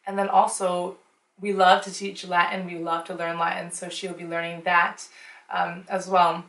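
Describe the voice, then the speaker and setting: Recorded at a distance in an echoey room, this parent and show host gives earnest, um-filled parenting advice on a casual vlog. An American whose first language was Chinese, she has a fairly low, slightly bright voice, speaking at normal speed with a flat delivery.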